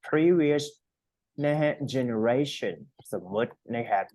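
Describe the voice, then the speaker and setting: A man's voice: mid-range voice, very slow, a little mellow, no room sound. A man giving a casual one-on-one English lesson, explaining with fillers and frequent checks. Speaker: English tutor.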